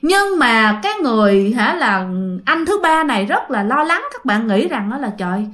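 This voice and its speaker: A woman's voice: sits high, sing-song, normal speed, a bit bright. A woman with a Southern Vietnamese accent, a channel host telling listener ghost stories in a chatty way, speaking straight to her audience. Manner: chatty, addresses listeners directly. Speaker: storyteller host. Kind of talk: ghost story narration.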